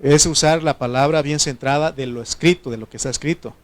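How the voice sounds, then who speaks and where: A man's voice: a little high, a little fast. A man preaching a sermon, teaching the congregation and checking in with frequent questions. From Mexico. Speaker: pastor.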